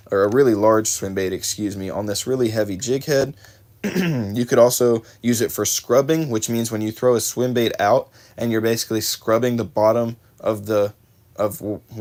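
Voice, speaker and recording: His voice is lowish and darkish, slightly worn as if he's starting to lose it. The fishing livestream host unboxes gear live, chatting away with viewers by name and self-correcting as he talks.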